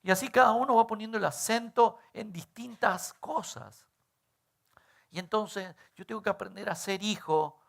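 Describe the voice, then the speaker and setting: Gravelly-voiced pastor preaching. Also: male voice, high voice, moderate pace, fairly bright tone. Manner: conversational preaching with frequent rhetorical questions. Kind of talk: sermon.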